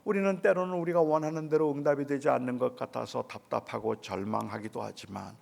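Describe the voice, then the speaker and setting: A middle-aged male pastor preaching at a dawn service in a church, telling a personal story in a quiet, hushed way. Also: mid-range voice, steady tone, a little fast, vocal fry, long reverb tail. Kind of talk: sermon at a dawn revival service. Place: church sanctuary.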